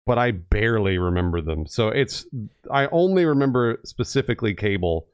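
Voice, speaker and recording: Lively guest man with a bouncy voice. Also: lowish voice, clean tone, no room sound, studio quality. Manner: animated, quick to laugh. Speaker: podcast guest. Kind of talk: casual chat.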